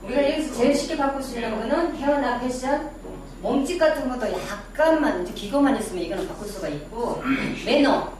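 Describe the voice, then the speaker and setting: A middle-aged lecturer from Daegu, with a Gyeongsang accent, talks casually about personal image, quizzing a small audience and poking fun at herself. Her voice is high-pitched and fairly quick. With a distant mic in a very echoey room, there's background noise and a crowd audible.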